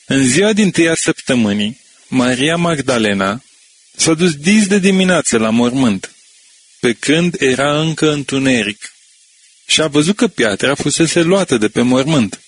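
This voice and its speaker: A man with a husky, slightly breathy voice reads scripture aloud. His delivery is steady and measured, with slow pauses between phrases. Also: medium pitch. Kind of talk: scripture reading.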